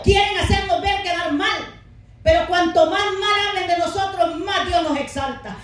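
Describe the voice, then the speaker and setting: Very high-voiced woman preaching in an echoey hall. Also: far from the mic. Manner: fervent, calls out to the brethren, rises to shouts. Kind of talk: Pentecostal sermon.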